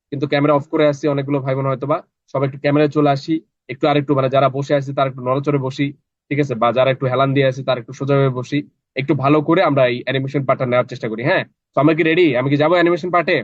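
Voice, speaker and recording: A man's voice: mid-range voice, flat delivery, very fast, no room sound. A man teaching a live online class in a chatty way, often checking in with his students. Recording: dry, slightly dull online class audio.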